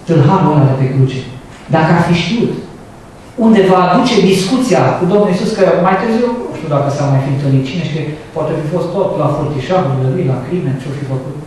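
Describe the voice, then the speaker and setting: A man's voice: fairly high pitch, darkish tone, a little hiss or hum. A man delivers a sermon in a slightly raised voice, talking conversationally and putting rhetorical questions to his listeners. The recording is strongly reverberant, picked up from a distance in a church sanctuary. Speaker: preacher.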